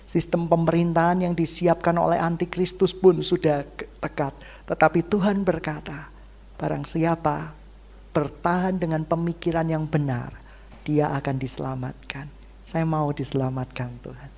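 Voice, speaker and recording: A woman pastor preaching a church sermon, swinging between loud exclamations and hushed near-whispers. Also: sits low, little pitch movement, moderate pace.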